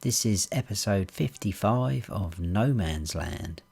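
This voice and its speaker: This man hosts a farming game series on his gaming channel, chatting casually and thinking out loud as he plays, often switching ideas mid-sentence. His voice is fairly low, animated and slow, with vocal fry.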